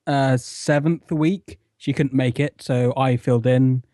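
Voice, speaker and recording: A man chatting as a podcast guest from an armchair at home, laid-back and chuckling, halting on fillers. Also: mid-range voice, fairly even intonation, dark tone, dry recording, clean studio sound. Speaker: podcast guest, radio show admin. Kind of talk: casual chat.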